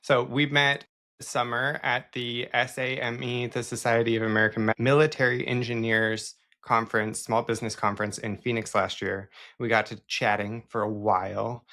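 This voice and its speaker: A man hosts a podcast in a loose, jokey way, talking easily and laughing often. His voice sits in an ordinary middle pitch. The talk is relaxed, friendly chat among colleagues. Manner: jokey, chatty, quick to laugh. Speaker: podcast host. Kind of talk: casual chat.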